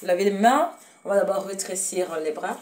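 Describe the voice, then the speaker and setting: A cooking show host from Cameroon, this woman has a Cameroonian French accent and a medium-pitched, darkish voice with lively intonation at normal speed. She's casually demonstrating home cooking in her kitchen, talking hesitantly with fillers and self-corrections and warmly addressing her viewers. The mic is distant.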